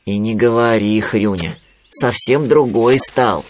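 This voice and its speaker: A man doing a slow sighing bear cub. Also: mid-range voice, animated, a little mellow, slight background noise, lightly acted. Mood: gloomy. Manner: slow, sighing, drawn-out words. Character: gloomy slow-talking young male bear.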